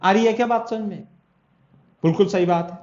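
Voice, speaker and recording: A male physics teacher lectures a class, working through a problem step by step and frequently checking that his students follow. His voice is high-pitched, brisk and a little mellow, captured in an echoey room with dull lo-fi sound.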